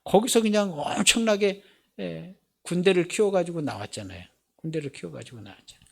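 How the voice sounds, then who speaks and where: A man with a fairly high voice preaches a sermon in a church. He drives his points home with rhetorical questions and repeats key phrases. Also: fairly bright tone. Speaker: pastor. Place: church sanctuary.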